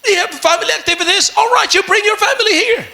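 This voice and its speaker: A male pastor with a Filipino accent preaching an animated sermon, mixing Filipino and English and rising to shouts. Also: extremely high pitch, fast talker, creaky.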